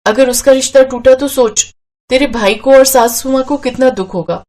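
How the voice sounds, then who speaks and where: A woman voicing a kind young new bride in a cartoon who speaks calmly and gently. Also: sits high, moderate pace, voice pushed up, lightly acted. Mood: reproachful.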